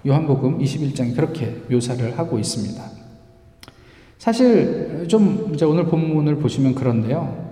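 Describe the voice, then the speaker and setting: Man preaching in an echoey hall. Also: fairly high pitch. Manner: conversational, rising to loud emphatic quotes. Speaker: pastor. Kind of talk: sermon. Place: church sanctuary.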